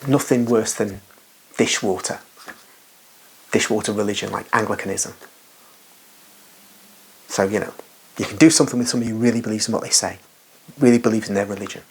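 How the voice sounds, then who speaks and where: A man talks through religious questions in a rambling, unscripted monologue. His voice sits a little low and sounds husky, and he leans hard on his points. He keeps breaking off for asides and restarting his sentences. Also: steady tone, fairly quick, pauses often.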